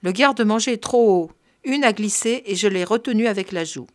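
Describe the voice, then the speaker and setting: A woman's voice: medium pitch, brisk, no room sound, studio quality, natural voice. A woman voicing an aging, complaining female housekeeper with a whiny, scolding manner. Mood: grumbling.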